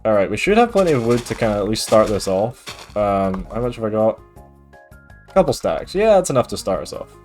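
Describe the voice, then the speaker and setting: A Scottish man with a mild accent streams a game and chats casually with viewers, his voice lowish and his pace fairly quick over soft background music. He's relaxed and talkative, reading and answering chat with plenty of fillers.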